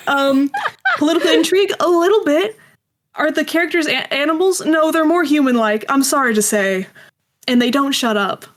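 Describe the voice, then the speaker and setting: A woman who creates audio dramas is interviewed as a guest, her high voice at normal speed with a little hiss or hum. She tells stories casually and self-deprecatingly. She also acts out small quoted exchanges.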